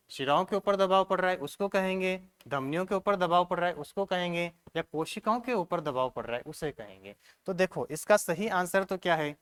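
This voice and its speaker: In this exam-prep science class, the male teacher answers his own questions and keeps asking whether everything makes sense. He speaks on the high side, and his tone is fairly bright.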